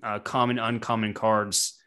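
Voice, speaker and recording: A man co-hosting a casual podcast chat over a video call, relaxed and rambling with lots of fillers. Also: lowish voice, a little slow. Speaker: podcast co-host. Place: home computer setup.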